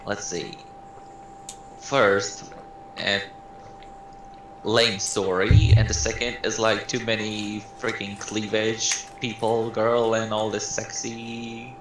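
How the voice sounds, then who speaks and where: A man's voice: fairly low pitch, level tone, slow pace. A man teasing his friend in a casual argument, dismissive and mocking. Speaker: streamer's friend. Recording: roomy, noisy, off-mic.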